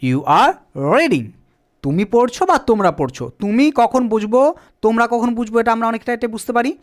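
This man's voice is extremely high, with a lively intonation and a moderate pace. A native Bengali speaker, he teaches beginner spoken English at a board, repeatedly putting questions to the class, answering them himself, and spelling words out letter by letter.

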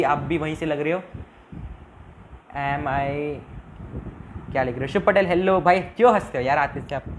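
A man's voice: on the high side, noisy background. Chatty man streaming a game. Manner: chatty, pleads for subscribers, mixes English into Hindi. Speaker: live-stream gaming host. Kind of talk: casual live-stream chat reading viewer comments.

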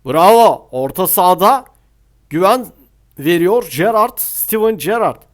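A young man playing a football scout and commentating his mobile football match live, shouting and half-singing at goals, then dropping to low mutters. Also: lively intonation, measured pace. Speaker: gaming YouTuber playing a scout role.

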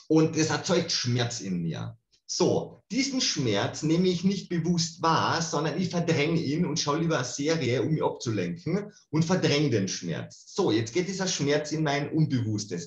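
A man gives an online lecture in a casual, colloquial way, often asking "okay?". His voice sits slightly high and swings widely in pitch. The video-call audio sounds roomy and dull. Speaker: energy healing lecturer.

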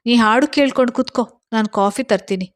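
A woman reading a storybook voices a cheerful, sensible young friend who asks pointed questions in a brisk, half-amused way. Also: on the high side, pitched above the performer's own voice, close to an everyday voice.

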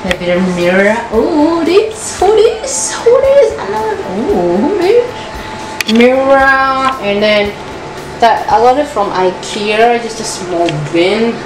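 A woman gives a casual home tour on a handheld phone, chatty and gushing, repeating words for emphasis in a very animated, fairly high voice at a slow pace. The bright tiled rooms sound echoey, with background music and noise behind her.

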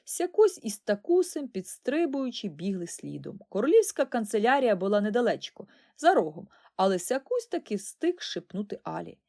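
A woman narrating a children's storybook in an expressive way. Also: mid-range voice, normal speed, creaky, hardly any pauses. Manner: expressive, lively. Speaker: audiobook narrator.

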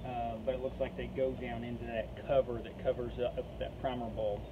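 A man's voice: medium pitch, a little fast. A man in his thirties casually narrating a step-by-step chainsaw repair while working outdoors at the back of a vehicle. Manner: relaxed, step-by-step explaining while working with tools. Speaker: DIY repair vlogger. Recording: tinny phone audio, noisy outdoor background.

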